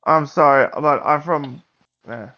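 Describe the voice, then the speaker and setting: A man's voice: on the high side, a little slow, lo-fi sound. A man joking around with friends at a tabletop game, hesitating with fillers. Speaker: player. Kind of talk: casual tabletop banter.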